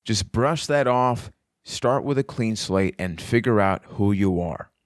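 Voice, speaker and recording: A man's voice: on the low side, lively intonation, measured pace, dry recording, studio quality. Earnest motivational male podcast host. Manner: earnest, motivational, addresses listeners directly. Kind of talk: reflective solo podcast talk.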